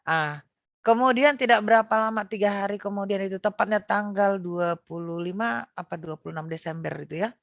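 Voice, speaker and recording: Woman, middle-aged, from Indonesia, chatty storytelling, many fillers and restarts, medium pitch, dry room. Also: brisk, no room sound, highs cut off. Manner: conversational storytelling with frequent fillers and self-corrections. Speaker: guest sharing personal testimony. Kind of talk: casual spoken testimony.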